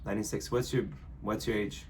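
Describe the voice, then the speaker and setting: A young man with a lowish voice, speaking halting non-native English in a casual, playful back-and-forth. A faint hum of noise sits behind him. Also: flat delivery. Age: 20s. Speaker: guest partner. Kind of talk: casual couple chat.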